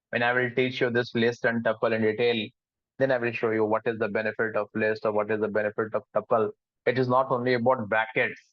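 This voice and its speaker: A man's voice: medium pitch, no room sound. A man leads a live online programming lesson, explaining step by step and often checking whether the class has followed. He drifts between English and Hindi. The sound is dry and a little muffled, like a call recording. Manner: mixes English and Hindi, asks the class questions. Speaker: programming instructor.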